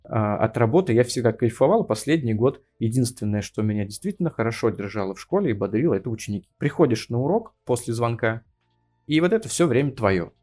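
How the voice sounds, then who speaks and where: A man's voice: medium pitch, darkish tone. A man in his thirties from Russia, a geography teacher talking as a podcast guest, hesitant and full of fillers. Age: 30s. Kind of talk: casual interview.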